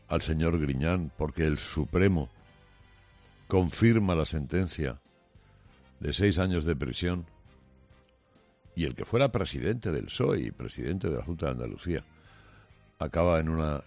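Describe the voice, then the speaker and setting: A male radio host delivering a combative, sarcastic opinion monologue a studio, with many pauses and restarts. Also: rumbling low, animated, darkish tone, faint music behind.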